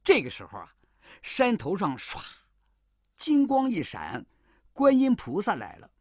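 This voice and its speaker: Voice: mid-range voice, huge pitch swings, a little slow, slightly rough, dry recording. A storyteller reads a classic children's tale with great expression. The voice rises and falls widely and adds playful sound effects. The recording is dry and close with no room sound.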